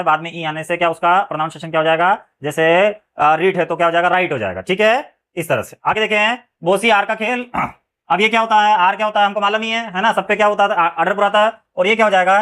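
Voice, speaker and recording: High-voiced man quizzing his class. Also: fairly bright tone, clear, resonant tone. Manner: asks the class questions and answers them himself; often adds a check-in phrase after a point. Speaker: English teacher. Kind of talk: classroom-style phonics lesson.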